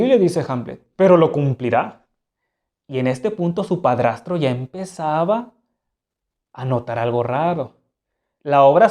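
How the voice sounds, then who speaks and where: Storyteller retelling an old play, chatty, mellow warm tone. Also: medium pitch. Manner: animated, conversational, with asides to explain old words.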